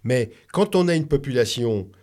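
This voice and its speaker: A man born in France speaks as a radio guest, in a reflective way that often stalls and restarts mid-sentence. His pitch sits in the middle of the range. He keeps building his points with repeated words. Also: lively intonation, darkish tone. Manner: reflective, halting with many restarts. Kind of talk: conversational radio talk.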